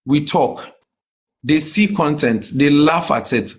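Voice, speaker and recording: A comedian appearing as a podcast guest speaks with a Ghanaian West African accent in a fairly high voice, at a slow pace, during a casual interview. He argues his point emphatically, often checking the listener understands, and mixes English with a Ghanaian language.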